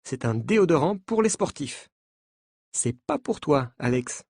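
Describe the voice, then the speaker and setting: Teasing young woman journalist, slow and clear, read by a man in his own voice, dry close sound. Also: a little high, very animated, darkish tone, dry recording, full character voice. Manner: teasing, matter-of-fact. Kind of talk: slow French-lesson story reading.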